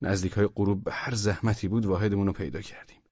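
A man's voice: fairly low pitch, flat delivery, a little mellow, husky, no echo. A man narrating a first-person audiobook in a colloquial, conversational storytelling manner, recorded close in a studio. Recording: dull lo-fi dry audiobook recording.

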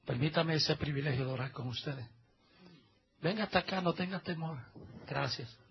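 A man preaching a sermon as pastor at a church service. He is emphatic, swinging between soft asides and loud exhortations. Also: on the high side, moderate pace, breathy edge, lo-fi sound.

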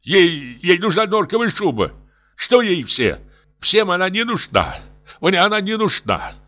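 A man voicing a drunk, distraught middle-aged professor who pleads in high, drawn-out wails. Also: animated, fairly bright tone. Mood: anguished.

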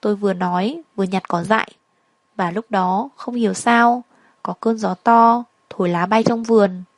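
A woman narrates a sorrowful first-person story in a reflective, unhurried way. Her voice sits at a middle pitch. The recording is dry and close, with no room sound. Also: fairly even intonation, no echo.

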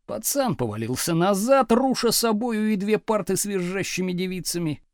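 A man reading a novel aloud as an audiobook narrator, in an expressive, dramatic storytelling manner. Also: high-pitched, moderate pace, no echo, clean studio sound.

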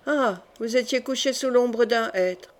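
A woman voicing a suspicious, stern young French king who questions his court in a probing, quietly menacing way, in an audiobook. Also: on the high side, measured pace, close to an everyday voice.

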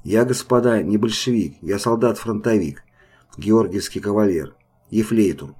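Guy doing a bearded ex-soldier peasant, earnest, dark gravelly-ish tone. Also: fairly low pitch, moderate pace. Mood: defensive.

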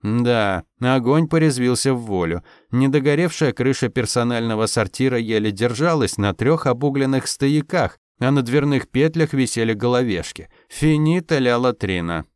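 A man narrating an audiobook in the first person with a wry, ironic touch. His voice sits in a middle pitch, and the recording is dry and close with no room sound. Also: animated, moderate pace, few pauses, darkish tone, clear, resonant tone, no echo. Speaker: audiobook reader.

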